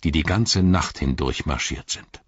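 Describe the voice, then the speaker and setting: A man's voice: rumbling low, slightly rough, dry recording, lo-fi sound, heavily acted. A man voicing Gandalf, a grave ancient wizard. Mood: solemn. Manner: grave, measured, riddling. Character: ancient wise wizard, calm and commanding.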